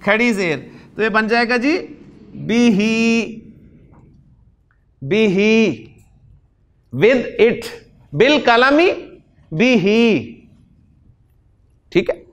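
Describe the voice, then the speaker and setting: A man from Pakistan teaching Arabic grammar in a lecture, explaining step by step, slowing down to spell out Arabic words and answering his own questions. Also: very high-pitched, lively intonation, a bit bright. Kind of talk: classroom lecture.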